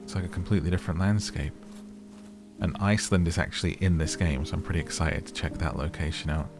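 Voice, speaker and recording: A gaming YouTuber with a deep, low voice talks fast through a calm exploration game in relaxed, chatty playthrough commentary, turning to his viewers now and then. Soft game music is clearly audible behind him.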